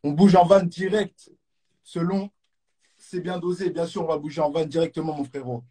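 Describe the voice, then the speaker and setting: A man's voice: on the high side, fairly even intonation, moderate pace, warm tone, husky. A man with a French accent hosting a live stream quiz, hyped, repeating catchphrases and throwing in English exclamations. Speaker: host of a live stream show. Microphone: phone or webcam on a live stream.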